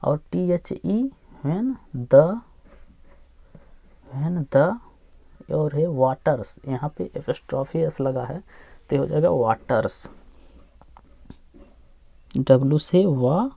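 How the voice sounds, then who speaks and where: A man teaching English phonics, sounding out each letter slowly and repeating every word. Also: a little high, gravelly, mellow, dry recording. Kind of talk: slow phonics lesson, spelling words aloud.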